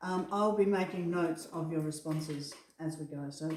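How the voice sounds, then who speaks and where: A woman's voice: low-pitched, normal speed, a little mellow, slight background noise. A woman working as an assessor, giving a spoken briefing in a reassuring, encouraging manner. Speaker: assessor and trainer. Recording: echoey room, distant microphone.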